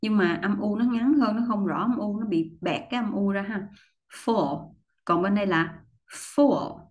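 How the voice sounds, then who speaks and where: A woman teaches English pronunciation with patient, step-by-step explanations, repeating example words and frequently clearing her throat. Her medium-pitched voice runs fairly quick throughout the lesson.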